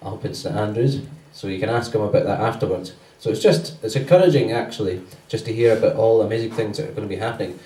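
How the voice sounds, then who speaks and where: Low, mellow man giving church notices, chatty, in a roomy church. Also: fast talker, few pauses. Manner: loose and conversational, many fillers. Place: church hall. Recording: roomy church sound from a distance.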